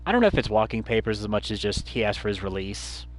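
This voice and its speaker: This wrestling commentator has a lowish voice and sounds very animated, talking fast through poor audio. He snaps out the action in short, punchy bursts, one move at a time.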